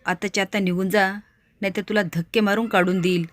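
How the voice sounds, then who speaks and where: Woman voices a scheming rich matron, commanding and loud, orders people about. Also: mid-range voice, little pitch movement, fast, no echo, natural voice. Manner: shouting, commanding.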